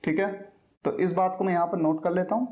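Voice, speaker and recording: A man teaching an English lesson, explaining step by step and slowly repeating key words. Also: high-pitched, fairly even intonation, mellow.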